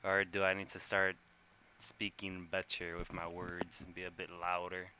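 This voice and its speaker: A man casually commenting while streaming a game, talking in a quiet, monotone, deadpan way. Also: low-pitched, moderate pace, a little hiss or hum.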